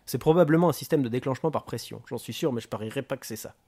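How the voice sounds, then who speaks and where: An unflappable detective who speaks in short, dry remarks, read by a man in an audiobook. He keeps a level, mid-pitched voice and an understated delivery. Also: rapid-fire, husky. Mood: calm. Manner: calm and understated. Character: calm, dry, laconic male police detective. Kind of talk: audiobook reading.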